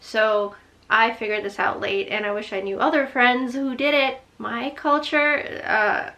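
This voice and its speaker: A woman's voice: fairly high pitch, a little slow, sharp tone. A woman in her twenties from Guyana giving earnest, chatty advice in a casual vlog, full of "like" fillers. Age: 20s. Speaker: vlogger.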